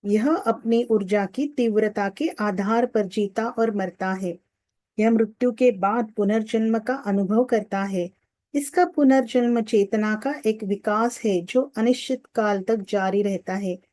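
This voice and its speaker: Mellow-voiced woman reading a spiritual audiobook. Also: medium pitch, measured pace, no echo. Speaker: audiobook narrator. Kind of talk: scripted spiritual audiobook narration.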